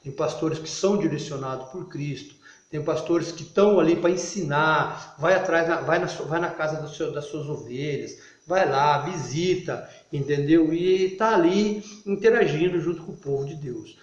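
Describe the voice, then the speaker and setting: A man giving an informal video sermon, halting and restarting often, then rising into loud, emphatic bursts. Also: on the high side. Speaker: lay preacher. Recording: echoey, muffled recording.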